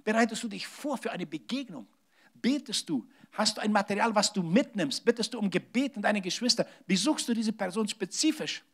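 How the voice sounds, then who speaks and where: Male pastor, high-pitched voice, lively sermon delivery, loud then hushed. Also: a little fast. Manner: animated preaching with large swings in loudness, drops to hushed tones.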